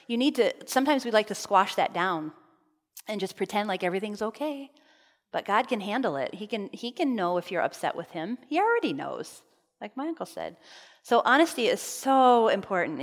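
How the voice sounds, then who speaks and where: A woman delivers a heartfelt, conversational sermon, mixing scripture with personal stories. Her voice sits at an ordinary middle pitch. A long hall reverb trails behind every phrase. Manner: earnest, personal storytelling with fillers. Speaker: speaker at a camp meeting. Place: meeting hall.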